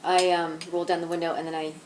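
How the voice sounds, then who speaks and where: A woman's voice: on the low side, flat delivery, fast, a little hiss or hum, lightly acted, poor audio. An actress playing a young woman who tells a friend a long, rambling story, full of likes and ums, in naturalistic indie-film dialogue. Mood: animated.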